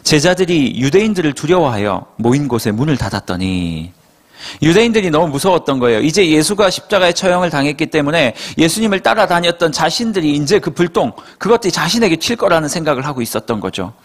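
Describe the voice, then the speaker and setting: A male pastor preaching a sermon as lively storytelling full of rhetorical questions. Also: on the high side, fast.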